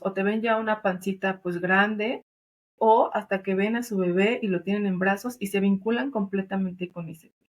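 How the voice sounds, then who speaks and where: A woman with a Mexican accent, a doula and thanatologist, explaining earnestly in a conversational interview, with many fillers and tag questions. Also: medium pitch. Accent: Mexican Spanish. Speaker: doula and thanatologist, podcast guest.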